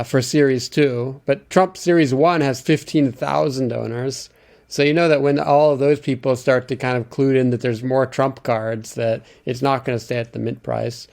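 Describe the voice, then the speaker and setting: A man guest talking casually, explaining in halting speech with many fillers. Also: mid-range voice, vocal fry, a little mellow. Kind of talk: casual chat.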